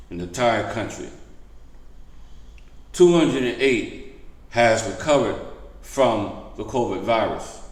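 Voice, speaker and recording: A man hosting a vlog, giving a casual update to viewers and repeating key points with emphasis. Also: lowish voice. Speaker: vlog host. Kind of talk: casual news update to camera. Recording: echoey room.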